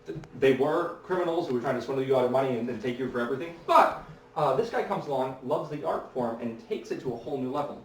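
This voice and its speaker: A man's voice: mid-range voice, lively intonation, fast, a little hiss or hum. A man performing as a stage magician at a fair, telling stories in a chatty way with many fillers and restarts. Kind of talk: live storytelling performance. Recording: echoey, distant mic, faint ambience.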